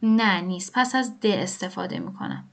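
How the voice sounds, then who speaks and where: A woman's voice: mid-range voice, sing-song, gravelly, a bit bright. A woman teaching grammar step by step, patiently asking questions and answering them herself. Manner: patient, explains rules aloud, poses and answers her own questions. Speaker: language teacher.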